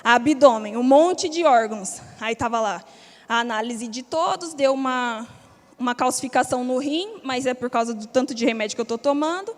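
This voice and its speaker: A woman's voice: high voice, lively intonation, moderate pace. A young woman gives her personal testimony in a church hall, telling it in a candid, slangy way. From Brazil. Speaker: church member giving testimony. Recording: long reverb of a church hall.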